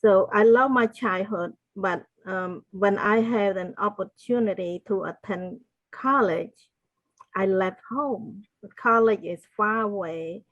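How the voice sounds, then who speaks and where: Slow, earnest older woman from Cambodia. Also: mid-range voice, a bit bright, dry recording, muffled recording. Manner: slow, earnest, faith-filled storytelling. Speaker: podcast guest, wellness consultant. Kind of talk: interview answers, personal testimony.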